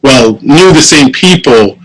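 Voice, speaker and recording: A man's voice: mid-range voice, lively intonation, slow pace, rough recording. A man co-hosting a casual podcast chat who laughs often and trails off mid-sentence. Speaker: podcast co-host.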